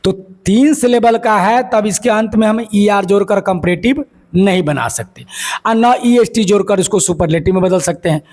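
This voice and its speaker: A man's voice: sits high, normal speed, a little mellow. A man teaching English grammar as a lecture, explaining step by step and asking and answering his own questions. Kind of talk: classroom lecture.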